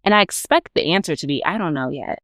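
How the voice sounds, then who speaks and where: A woman's voice: deep voice, expressive, fast talker, fairly bright tone, no echo. A woman in her twenties co-hosting a casual podcast, laid-back and reflective. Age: 20s. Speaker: podcast co-host. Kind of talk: casual chat.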